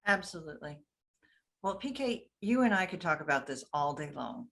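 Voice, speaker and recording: A woman host wrapping up an interview and reading a measured promotional sign-off. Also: sits low, very animated, creaky, a bit bright.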